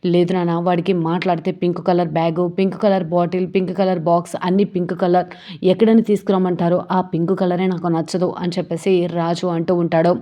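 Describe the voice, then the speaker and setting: A woman retelling a TV serial episode as a narrator, reading the characters' lines in the same steady voice. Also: lowish voice, fast talker.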